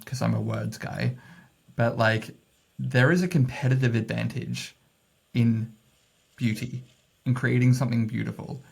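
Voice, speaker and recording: A messaging strategist appears as a podcast guest, chatting loosely and casually in an interview and thinking aloud with plenty of fillers and laughs. His mid-range voice is gravelly and husky, a little mellow.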